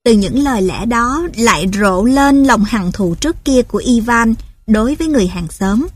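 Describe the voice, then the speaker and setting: A woman reading a story aloud in steady, measured scripted narration. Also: a little high, breathy edge.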